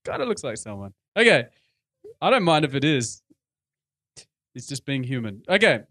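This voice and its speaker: A man's voice: medium pitch, very animated, normal speed, fairly bright tone. A man preaching a sermon in church, conversational, repeating phrases for emphasis. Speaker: pastor.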